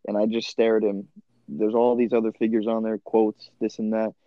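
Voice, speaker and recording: A man's voice: fairly low pitch, little pitch movement, normal speed, no echo. A man speaking earnestly and emphatically in a casual conversation as a podcast co-host. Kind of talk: casual chat. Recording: slightly dull, dry sound.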